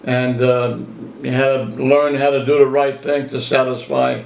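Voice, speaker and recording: A man's voice: mid-range voice, level tone, unhurried, a little mellow. Elderly man reminiscing, roomy sound. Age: 80s. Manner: folksy storyteller, repeats phrases and acts out quotes. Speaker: interviewee, grandfather reminiscing. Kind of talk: casual reminiscing interview. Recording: roomy, echoey home recording.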